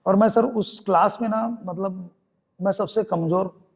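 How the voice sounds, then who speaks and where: High-voiced young Chhattisgarhi storyteller man. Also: measured pace, vocal fry, slightly rough. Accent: Chhattisgarhi Hindi. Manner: animated storyteller acting out quoted voices. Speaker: guest theatre artist. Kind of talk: podcast interview storytelling.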